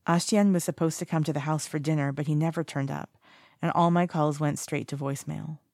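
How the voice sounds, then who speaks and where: Brief: a reader doing a warm, tired young mom in a storybook reading, soft and sweet, dry close sound. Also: medium pitch, fairly even intonation, fairly quick, no echo, lightly acted. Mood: earnest. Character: warm weary young mother, gentle and grateful.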